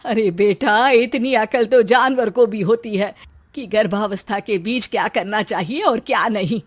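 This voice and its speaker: A woman's voice: mid-range voice, measured pace, no room sound, natural voice. Woman voicing a stern scolding mother. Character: scolding middle-aged mother.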